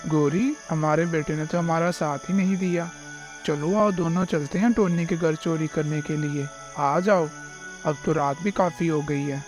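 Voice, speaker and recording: A man voicing a scheming, hot-tempered male thief bird who is a father, in a gruff, threatening manner. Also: on the high side, steady tone, unhurried, lightly acted. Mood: gruff scolding. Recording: faint music behind the voice.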